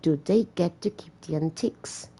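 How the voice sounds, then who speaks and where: A woman gamer plays a horror visual novel, reading the story aloud and adding chatty, joking asides as casual commentary. Her low voice is creaky and mellow with a breathy edge, and she speaks at a normal speed.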